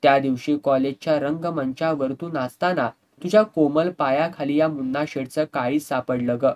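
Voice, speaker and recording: A man's voice: fairly high pitch, fairly even intonation, moderate pace, a little mellow, lightly acted. A man voicing a leering, drunken rich villain who mocks and sneers and slips into Hindi couplets. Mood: gloating.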